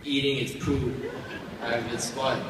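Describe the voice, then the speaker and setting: Halting young American man bombing at stand-up, echoey hall. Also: medium pitch. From United States, grew up outside Indiana. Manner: halting, rambling delivery of jokes that fall flat. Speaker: amateur stand-up comedian. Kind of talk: live stand-up comedy, joke bombing. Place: stage at a live event. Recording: echoey, noisy hall, recorded from far off.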